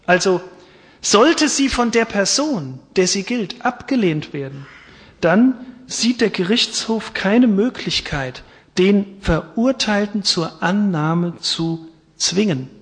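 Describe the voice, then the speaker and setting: A male preacher tells a story in an earnest, dramatic sermon. His voice sits high for a man. It carries through a church with a long reverb. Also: lively intonation, slow pace.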